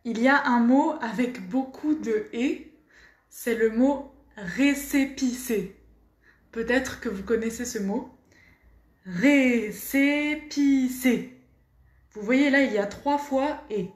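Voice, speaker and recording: A woman's voice: fairly high pitch, a little slow, reverberant. A woman teaching pronunciation, carefully articulating and repeating each word. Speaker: French teacher. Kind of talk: pronunciation lesson.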